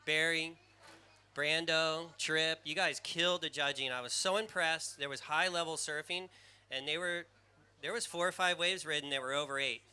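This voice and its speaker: A man calling a live surf contest, excitable and rambling, with a squeaky surfer voice, naming riders by jersey color. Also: normal speed, clean tone.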